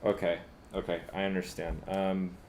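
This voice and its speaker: A man with a very low voice works through a piece on a live stream and thinks aloud as he goes. His talk is halting and full of fillers. He laughs at his own slips. A faint hiss sits under the voice. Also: flat delivery, darkish tone. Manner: halting and musing, many fillers, laughs at himself. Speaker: composer streaming live orchestration work.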